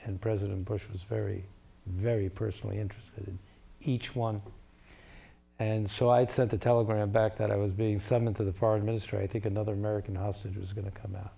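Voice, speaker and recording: Low gravelly older man telling stories. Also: fairly quick. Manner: animated anecdote telling. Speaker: moderator, former ambassador. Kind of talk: panel discussion storytelling.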